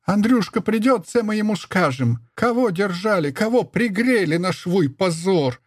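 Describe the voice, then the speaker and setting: A man's voice: high-pitched, lively intonation, normal speed, voice pushed up. A man voicing an old peasant woman, a furious mother-in-law who speaks with a lisp and rustic dialect. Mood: scornful. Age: older. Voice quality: lisping, village dialect speech.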